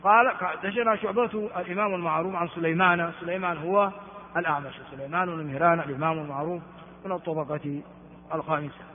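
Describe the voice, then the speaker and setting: High-voiced man lecturing in an echoing hall. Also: fairly even intonation, fast talker, slight background noise. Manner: explanatory, at times chants quoted words and verses. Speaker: Islamic scholar teaching hadith. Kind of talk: classroom lecture explaining a hadith text. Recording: long hall reverb, narrow phone-like sound.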